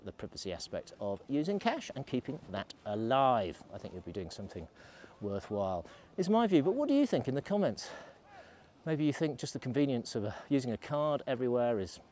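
This middle-aged man's voice is on the low side, brisk and sing-song, with a darkish tone and slight background noise. He's filming a rambling, chatty ski vlog on a snowy slope, selfie camera held at arm's length.

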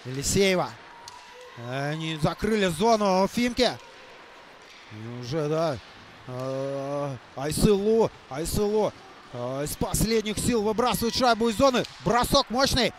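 A man doing live hockey play-by-play, halting and repeating phrases for emphasis. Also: high voice, lively intonation, a crowd in the background. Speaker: hockey commentator. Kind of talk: live play-by-play sports commentary.

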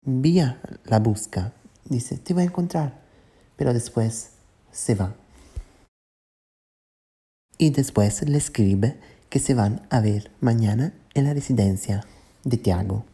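Very low husky woman narrating. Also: slow, pauses often, mellow. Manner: simple retelling with plain quoted lines. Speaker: channel host. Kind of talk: narrating a chat animation story.

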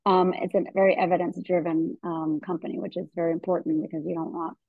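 A woman in her forties, a gynecologist guest in a webinar, talks earnestly and keeps restarting her sentences. Her voice sits a little low. The video call audio is dull and dry. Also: level tone, fast talker, gravelly, no echo. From American South. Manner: earnest, thinking aloud with many fillers and restarts. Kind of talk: webinar interview. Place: indoor room at home.

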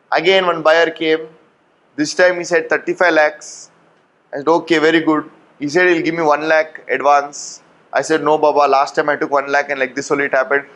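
A man in his thirties with an Indian accent, teaching in an animated storytelling way, repeating phrases and asking rhetorical questions. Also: a little high, rough recording. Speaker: tax law teacher. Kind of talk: lecture with acted-out anecdotes. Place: indoor classroom at a whiteboard. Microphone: lapel mic.

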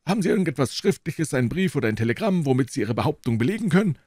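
A man voicing an older, hostile male professor with a high, screeching voice and a sharp, agitated manner, in an audiobook reading. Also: sing-song, racing, dry recording, studio quality. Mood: suspicious. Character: hostile old male professor, shrill and suspicious.

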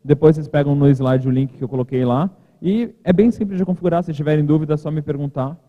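A man's voice: fairly high pitch, fast. A man giving a casual, joking keynote at a podium in a large conference hall. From Brazil. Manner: chatty, informal, joking asides. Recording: reverberant hall, thin lo-fi sound.

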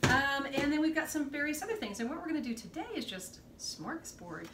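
Filmed by a camera on the counter of a home kitchen, the host, a woman in her thirties, keeps up an upbeat, chatty demonstration, explaining each step. Her high voice moves briskly with lively intonation, and the recording is very noisy.

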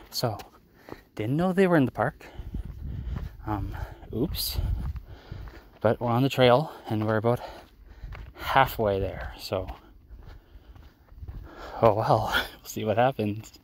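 A man's voice: medium pitch, slow pace, long pauses, slight background noise. A young Canadian man vlogging on a phone while walking a desert trail at night, rambling and mocking himself, tired from the hike. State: tired, a bit out of breath from hiking. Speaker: travel vlogger. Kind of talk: casual night hike vlog. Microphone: phone held while walking.

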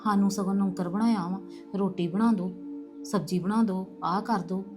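Over music, a woman with a mid-range, steady voice close to her everyday one speaks at a moderate pace. She is acting in a web drama as a resentful, worried middle-aged mother who complains and plots against her daughter-in-law in a conspiratorial tone.

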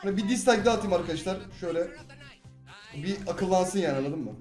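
A young man from Turkey commentating his own gameplay, jumping between loud excited outbursts and low grumbling complaints. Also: fast. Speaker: gaming YouTuber. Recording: echoey room with game music.

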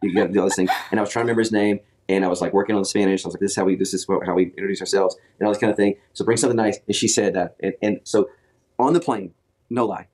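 A man's voice: fairly low pitch, steady tone, rapid-fire, a little mellow. A man telling a long story in casual chat, rambling with restarts and quoting others. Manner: rambling, with many restarts and acted quotes. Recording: played clip from a podcast.

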